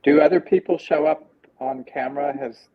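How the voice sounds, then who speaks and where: A man's voice: a little high, moderate pace. A man co-hosting a casual livestream, joking in an easygoing way. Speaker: co-host. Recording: dull lo-fi sound, faint noise.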